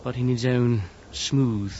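A man's voice: mid-range voice, steady tone, slow, background noise, close to an everyday voice. A young man voicing a nervous young male clerk held prisoner, who narrates a radio drama in an earnest, increasingly fearful way. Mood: grave. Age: young adult. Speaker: narrator and lead character. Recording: dull lo-fi audio with music behind.

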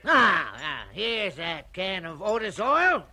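A man's voice: high voice, big pitch swings, slow pace, heavy background noise, heavily acted. An actor playing a brash middle-aged American businessman who talks in a blunt, wisecracking, dismissive way. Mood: scoffing.

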